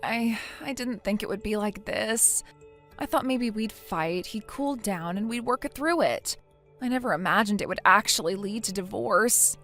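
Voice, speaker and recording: A woman's voice: mid-range voice, animated, normal speed, fairly bright tone, soft background music. A synthetic female voice playing a defensive, self-pitying wife who talks in a hesitant, whiny way.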